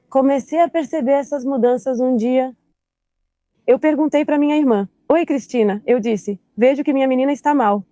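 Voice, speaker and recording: A woman in her thirties, a mother giving personal testimony, speaking in a halting way and often repeating "I said" as she retells conversations. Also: fairly high pitch, warm tone, no room sound.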